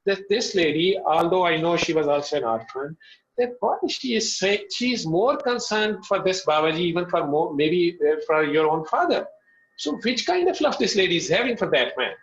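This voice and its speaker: Higher-pitched Pakistani man telling stories. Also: big pitch swings, moderate pace, dull audio, slight background noise. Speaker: interview guest, doctor. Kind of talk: animated personal storytelling in an interview.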